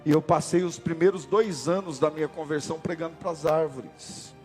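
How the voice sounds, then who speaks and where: A man's voice: steady tone, normal speed, soft background music. Brazilian man preaching a testimony sermon. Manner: storytelling preacher, swells loud and high at climaxes. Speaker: pastor.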